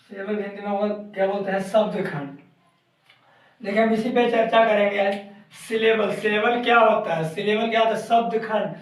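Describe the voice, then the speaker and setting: Guy teaching a class, far off the mic, slow repetitive dictation, high voice. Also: steady tone. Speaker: coaching teacher. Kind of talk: classroom lesson. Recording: very echoey room, far from mic.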